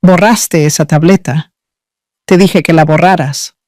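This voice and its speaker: A man's voice: fairly high pitch, fairly even intonation, unhurried, darkish tone, dry recording, studio quality, natural voice. A man playing a shaken, cornered husband. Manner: shaken, strained. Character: nervous husband, caught out and panicking.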